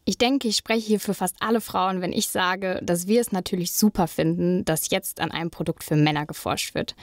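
A young woman co-hosting a student podcast, reading smooth scripted links between the interviews. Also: on the low side, moderate pace, no room sound, studio quality. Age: young adult. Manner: smooth, read-from-script linking. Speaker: podcast co-host, journalism student.

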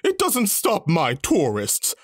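Cartoon country ball, voice-acted, boastful, teasing, lively pitch, dry close sound. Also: takes it slowly, no echo, full character voice. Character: proud, boastful Brazil countryball. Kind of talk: cartoon voice acting.

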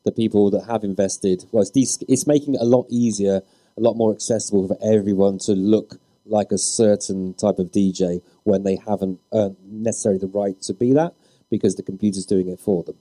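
A man's voice: fairly low pitch, steady tone, a little fast, dark tone, dry recording. A man speaking as a DJ on a live panel, earnest and opinionated. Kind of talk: panel discussion.

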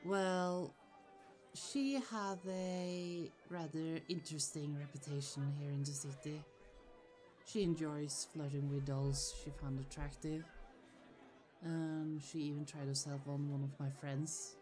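In a fantasy ASMR roleplay with background music, a woman voices a protective, easily annoyed sorceress sister who is chatty, affectionate and firm, sounding reassuring and confiding. Her voice sits low with a dark tone, steady and slow.

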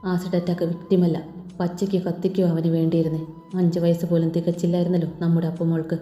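Woman reading as a young wife nagging her husband, a bit higher, mellow and echoey with faint music. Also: little pitch movement, quick pace, natural voice. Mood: anxious. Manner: scolding, teasing questions. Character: young pregnant wife, quick-tongued and anxious.

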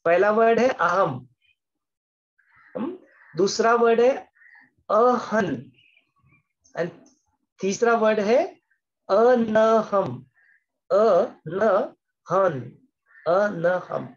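A man's voice: sits high, extremely slow, long pauses, highs cut off. A man giving an explanatory scripture lesson as a spiritual teacher, patiently repeating words and slipping English phrases into his talk.

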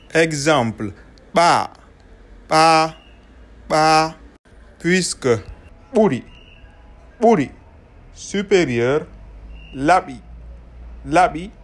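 A man with a Guinean French accent giving a recorded lesson, speaking slowly and deliberately and repeating each sound twice. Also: on the high side. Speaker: language teacher.

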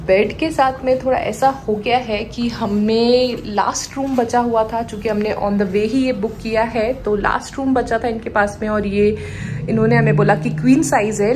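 A woman's voice: mid-range voice, darkish tone, slight background noise. Chatty Indian woman travel vlogger. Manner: chatty, explaining as she goes, frequent fillers. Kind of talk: casual travel vlog narration.

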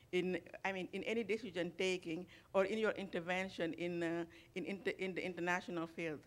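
A man from Senegal asking a question from the audience in a lecture hall, halting and repeating words as he searches. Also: high-pitched, fairly bright tone.

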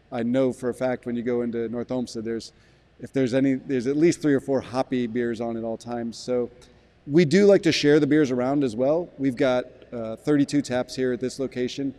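A man in his forties, a brewery sales director, giving a measured interview in a barrel room with frequent restarts. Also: medium pitch, dark tone. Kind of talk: business interview.

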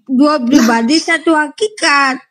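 A woman with a high-pitched voice defends her view in a religious debate. She speaks patiently and keeps explaining through everyday analogies, the way a Sunday school teacher would. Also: a little slow, a bit bright.

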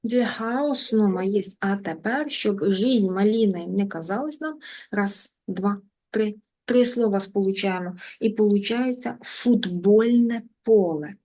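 A woman teaches an online language class at an even, middle pitch. She is patient and deliberate, slowing down to repeat each new word for her students. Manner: patient, repeats words slowly and drills them. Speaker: German teacher.

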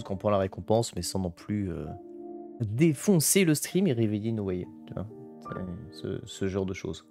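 A man chatting casually on a live stream, greeting viewers one by one. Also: lowish voice. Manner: greets chat by name, chatty and lively.

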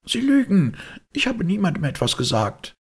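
A shrieking, sullen middle-aged maid, put on by a male reader. Her voice jumps high and swoops wildly, cutting through with a rough gravelly edge. She snaps back with defiance in an audiobook reading. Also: big pitch swings, brisk, full character voice. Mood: shrill.

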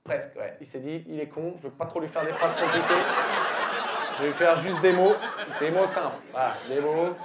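Guy doing crowd work onstage, handheld mic, echoey club, quick teasing jabs. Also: a little high, heavy background noise. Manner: teasing, loud bursts of punchlines, quick asides. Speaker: stand-up comedian. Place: comedy club stage, dark curtain backdrop. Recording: roomy club with loud crowd. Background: audience laughing.

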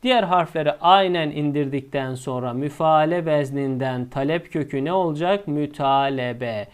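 A male teacher explaining a lesson step by step, asking himself questions and answering them, and drawing out the key words slowly. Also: fairly high pitch, clear, resonant tone.

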